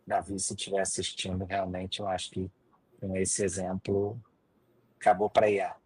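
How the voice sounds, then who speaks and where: A man's voice: sits low, completely flat delivery, moderate pace, darkish tone, slightly rough, no room sound, low-quality recording. A man hosting a live interview, reacting casually and agreeing with his guest. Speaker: host.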